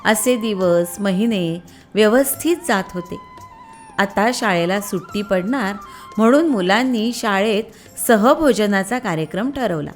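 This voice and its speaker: A woman narrating a storybook tale for children in a slow, expressive storytelling manner. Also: medium pitch, faint music behind.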